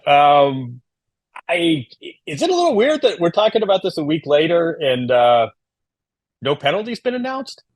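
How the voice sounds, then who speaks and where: Wry, measured man co-hosting a chat. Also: on the high side, big pitch swings, dry recording. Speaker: podcast co-host. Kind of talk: casual chat.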